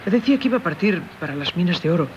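A Castilian Spanish actress from 1970s radio theatre narrates as an anguished wife haunted by an old lover, her delivery solemn, confessional and theatrical. Her low, slightly mellow voice is very fast with lively intonation and a light acted quality, heard on a dull old recording with faint noise.

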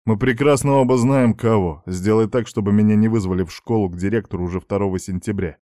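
A man's voice: lowish voice, fast, mellow, no echo, studio quality, lightly acted. A man voicing a stern middle-aged father lecturing his teenage son in a firm, reproachful way.

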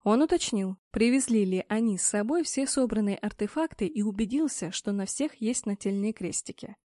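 A woman narrating a novel in a measured, steady manner. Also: mid-range voice, no echo, studio quality. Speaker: audiobook narrator. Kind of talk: scripted narration.

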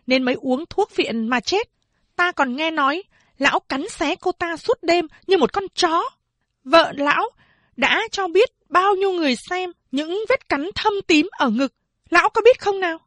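A woman voicing a furious, shrewish woman official who scolds in shrill, rapid accusations. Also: a bit bright, no echo.

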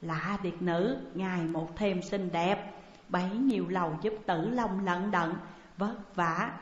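A fond old mother speaks gently to her children, read by a woman narrator. The audiobook sounds muffled and lo-fi, with a long reverb like a hall. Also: fairly low pitch, slow. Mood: tender.

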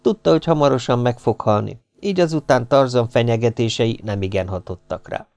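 Male audiobook reader, gravelly voice, dry close recording, steady storytelling. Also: mid-range voice, no echo. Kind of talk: scripted narration.

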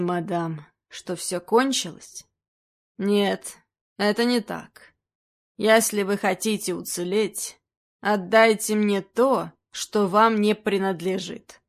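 A woman reading a storybook and voicing a menacing male stranger with a foreign accent, speaking slowly and low.

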